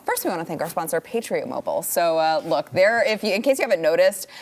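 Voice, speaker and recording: A woman hosting a political talk show in a casual, chatty way. Her voice sits a little low for a woman. She rambles, restarts her sentences and laughs easily. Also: lively intonation, fast talker. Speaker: host.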